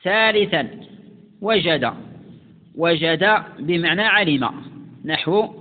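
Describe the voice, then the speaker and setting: A man teaching classical grammar, who slowly recites examples and repeats words for emphasis. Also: fairly high pitch, lively intonation. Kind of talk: lesson explaining classical grammar. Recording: tinny phone-like sound with long reverb.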